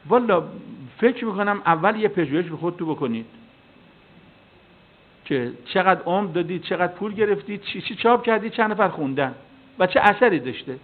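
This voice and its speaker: A male cleric giving a sermon, telling stories and acting out the dialogue in them. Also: high-pitched. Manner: storytelling with acted dialogue, animated. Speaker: cleric and preacher. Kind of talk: sermon with anecdotes. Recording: tinny phone-like sound.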